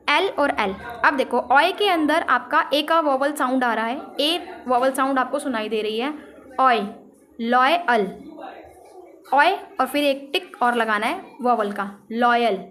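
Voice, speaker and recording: A woman teaching a shorthand lesson, explaining signs on a board and slowly repeating each example word. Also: sits high, a bit bright. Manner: repeats example words slowly, drawing out syllables.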